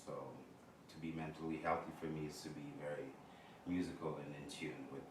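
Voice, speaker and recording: A very deep male voice, unhurried and thoughtful, with many pauses. He is from Congo and sounds far from the mic in an echoey room, with noise behind him. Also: level tone. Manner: slow and reflective, with many pauses and fillers. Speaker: guest performer. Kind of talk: casual self-introduction. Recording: distant roomy recording with noise.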